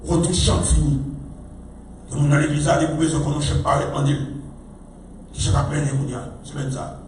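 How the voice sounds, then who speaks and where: A man's voice: a little high, flat delivery, moderate pace, a little mellow. A man with a Haitian French accent preaching a sermon, emphatic and repetitive, calling out to the congregation. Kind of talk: sermon teaching. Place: church hall. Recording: echoey hall, mic far off, faint noise.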